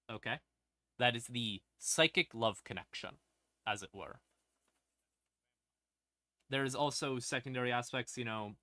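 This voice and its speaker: Explaining lore casually to his livestream audience, a man with a forceful, bright voice at mid pitch keeps it wry and informal. His sentences come in short, pause-broken chunks with punchy emphasis on key words, captured in a close, dry recording.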